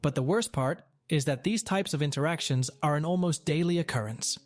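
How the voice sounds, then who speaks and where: A man's voice: a little high, a little fast, no echo, soft background music. A man reading a first-person story aloud in an earnest, plain way. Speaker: story narrator.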